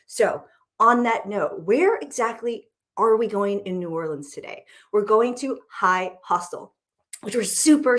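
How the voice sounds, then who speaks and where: A woman hosting a live stream, talking in a bubbly, enthusiastic way. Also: mid-range voice. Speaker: host.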